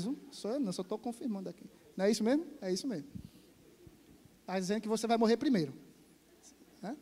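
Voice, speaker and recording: A man preaching a sermon as pastor, animated and rising to loud exhortation. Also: high voice. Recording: church hall reverb.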